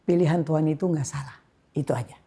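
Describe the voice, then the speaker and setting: An older woman from Indonesia speaks as a guest pastor, telling her own story with deep feeling. Her voice is very husky and gravelly, low and dark in tone. She drops to soft whispers, then rises to loud outbursts. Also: fast. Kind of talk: personal testimony in a church podcast.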